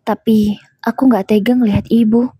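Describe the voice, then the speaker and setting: A woman's voice: fairly high pitch, steady tone, moderate pace, dark tone, breathy edge, dry recording. Woman narrator doing a mild pleading husband, dry close sound, near her own voice. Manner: apologetic, coaxing. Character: adult husband, meek and pleading.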